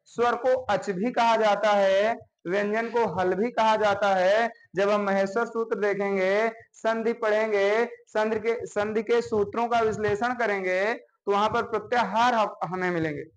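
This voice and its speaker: A man with a notably high voice teaches a class of students. He moves through the material step by step, pausing again and again to check that everyone is following. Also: low-quality recording. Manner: explains step by step, often checking with "है ना?". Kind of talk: classroom grammar lesson.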